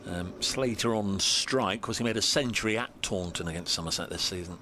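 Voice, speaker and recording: Low-voiced male cricket commentator, noisy background. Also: fairly quick, sharp tone. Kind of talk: conversational cricket commentary with statistics. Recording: clear background noise, match ambience.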